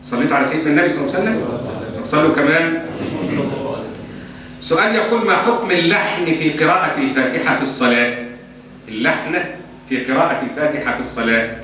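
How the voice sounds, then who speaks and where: A man's voice: fairly high pitch, fast talker, long pauses, a crowd in the background. A man with an Egyptian accent answering religious questions in a lesson, emphatic and mixing formal and colloquial speech. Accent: Egyptian Arabic. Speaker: Islamic scholar answering questions. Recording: echoey hall from far off, faint hum.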